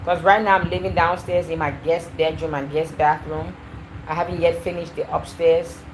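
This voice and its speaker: A woman hosting a casual livestream, chatty and animated as she talks straight to her viewers. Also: lowish voice, moderate pace, a little hiss or hum, low-quality recording. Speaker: livestream host. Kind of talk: casual live-stream chat.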